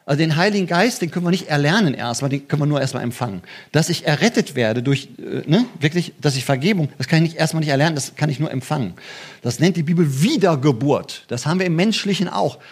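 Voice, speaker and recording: A man's voice: fast, breathy edge. A man preaching a conversational sermon, often checking in with his listeners and restarting his sentences. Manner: conversational, frequent "ne?" asides and restarts; lively, pitch jumps when stressing points. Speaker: pastor.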